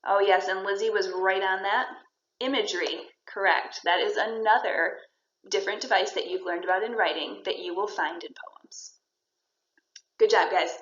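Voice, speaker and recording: A woman's voice: medium pitch, fairly even intonation, moderate pace. A woman teacher giving a poetry lesson, explaining step by step and encouraging her students. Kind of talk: recorded classroom lesson. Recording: roomy, dull lo-fi sound.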